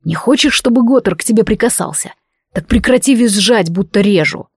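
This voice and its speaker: A domineering barbarian warlord with a gruff, barking voice, as a woman reader puts him on. He snaps commands and sneers. The sound is dry and close, with no room around it. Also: mid-range voice, expressive, fairly quick, no echo. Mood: mocking.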